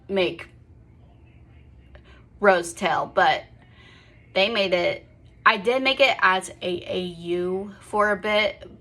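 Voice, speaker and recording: A woman's voice: on the low side, a bit bright. A young woman in casual vlog chat at home, rambling and correcting herself with apologetic asides. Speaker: vlogger.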